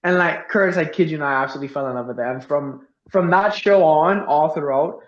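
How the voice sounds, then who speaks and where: A man's voice: on the high side, brisk. Earnest young man from the Bahamas. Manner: earnest, uses many fillers like "like". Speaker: veterinary student guest. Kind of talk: casual interview conversation. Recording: roomy, dull lo-fi sound.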